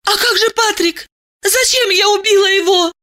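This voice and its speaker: A woman voicing a shrill, hysterical young woman. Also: animated, slow, bright, forceful tone, exaggerated voice. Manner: shrill, crying out.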